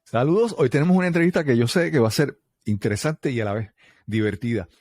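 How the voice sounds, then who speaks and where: A man hosting an interview podcast, friendly and halting, often chuckling. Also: medium pitch, expressive, a little mellow, no echo, clean studio sound, faint music behind. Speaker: podcast host. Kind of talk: casual interview chat.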